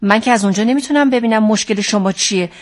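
An actress playing a short-tempered counselor in a comedy sketch, exasperated with a difficult client and quick to snap. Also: female voice, medium pitch, lightly acted.

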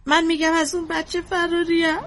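A woman's voice: extremely high pitch, completely flat delivery, a bit bright. An actress playing a troubled young mother in therapy who is evasive and defensive and sometimes breaks into tears. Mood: distraught. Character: troubled young mother fleeing her baby. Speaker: therapy client. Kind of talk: drama dialogue.

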